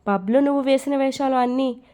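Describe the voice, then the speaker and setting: A defiant young man, indignant and protesting under questioning, read by a woman. The tone is mellow and a little high, in a plain storybook reading. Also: fairly quick, lightly acted.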